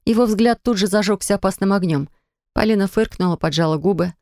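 A woman narrating an audiobook in an expressive style, on a studio microphone. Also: brisk, no echo. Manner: expressive, rising high and loud in the heroine's angry lines.

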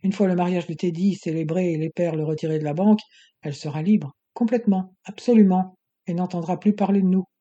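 An audiobook reader voicing a scheming, menacing male doctor who speaks calmly and coaxingly. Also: medium pitch, muffled recording, natural voice. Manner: calm, measured, coaxing menace. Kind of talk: audiobook reading.

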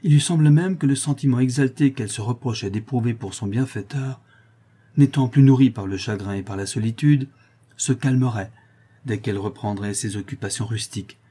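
A man narrating a classic novel as an audiobook, in a measured, dramatic reading. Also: on the low side, dark tone, breathy edge.

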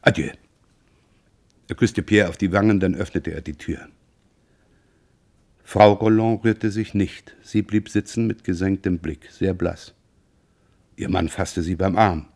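Male radio reader, low voice, measured, expressive narration. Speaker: audiobook reader. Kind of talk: literary reading for radio.

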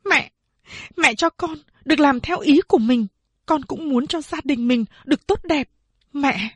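A woman's voice: sits high, lively intonation, slow, dry recording, voice pushed up. A woman voicing a determined young woman who answers her mother firmly. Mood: resolute. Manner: firm, resolute.

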